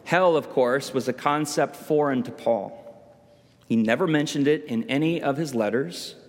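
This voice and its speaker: A man preaching tells a story in sermon style, with slow, dramatic pauses. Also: fairly high pitch. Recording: long hall reverb.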